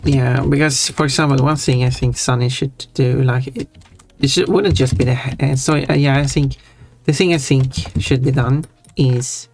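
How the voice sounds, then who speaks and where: A streamer with a Swedish accent, chatting casually on a live stream in a rambling, halting way with frequent giggles. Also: medium pitch, fairly even intonation, a little mellow.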